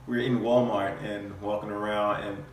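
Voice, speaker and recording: A man's voice: on the low side, flat delivery, moderate pace, slight background noise. A young man chatting casually and jokily beside his wife. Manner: easygoing, jokey, laughs along. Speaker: co-host, husband. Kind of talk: casual chat. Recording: echoey room from far off.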